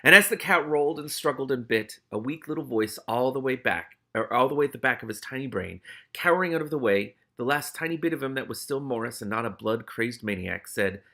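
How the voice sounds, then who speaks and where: Hosting a read-aloud of a novel, a man reads dramatically and cuts in with casual, exclamatory, sweary remarks. His mid-range voice is animated, fairly quick, pushed and bright.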